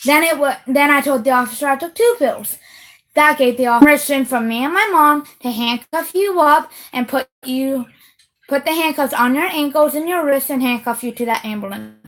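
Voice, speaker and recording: Ranting young-sounding woman, fairly high voice. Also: fairly quick, a bit bright, poor audio. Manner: heated, repetitive, swearing. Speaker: vlogger. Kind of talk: casual direct-to-camera rant.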